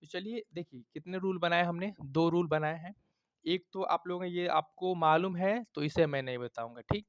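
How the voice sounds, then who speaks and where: A man's voice: a little high, moderate pace, smooth, no room sound, dull audio. A man teaching a grammar lesson, checking in often with his students and explaining with everyday examples.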